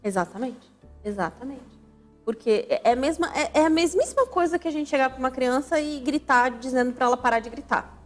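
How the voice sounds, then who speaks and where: This is a woman with a high, bright-pitched voice, hosting a radio program about family. She explains in a didactic, emphatic way and hammers points home by repeating words. Soft music sits faintly beneath her. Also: fairly quick. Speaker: radio show host and family counselor. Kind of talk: radio talk on family life. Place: radio studio.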